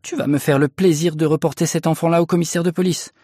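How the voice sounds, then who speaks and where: A man voicing a middle-aged bargeman's wife who scolds her husband in a shrill, harsh voice, in a storybook reading. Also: fairly even intonation, fast, warm tone, no room sound, studio quality, natural voice. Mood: commanding. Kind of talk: audiobook character voice.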